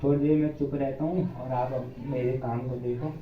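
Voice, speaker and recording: Cleaning his village home in India, this young man chats with viewers in a jokey, rambling vlog, calling them "brothers" and sounding slightly breathless. His mid-range voice keeps a fairly even intonation at a moderate pace. Recorded on a phone with no extra mic, the sound is dull and lo-fi in an echoey room, with a faint hiss or hum.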